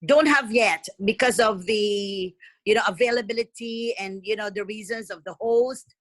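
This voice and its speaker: A woman's voice: mid-range voice, moderate pace, poor audio. A woman from Singapore, a sales trainee on a video call, giving brief and hesitant answers.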